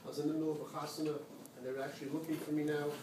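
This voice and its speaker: A man's voice: fairly high pitch, little pitch movement, rapid-fire. A man giving a joking Purim-season speech as a guest at a study group, rambling and repeating his words, recorded far off in a noisy indoor hall. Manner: rambling, self-deprecating, repeats words often. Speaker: guest speaker at a kollel. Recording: echoey room from far off, loud noise.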